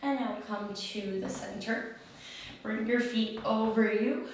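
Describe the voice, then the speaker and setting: A woman teaching a yoga class, giving step-by-step pose instructions in a calm, soothing, encouraging way. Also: on the high side, slow pace. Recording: very echoey room, far mic, faint noise.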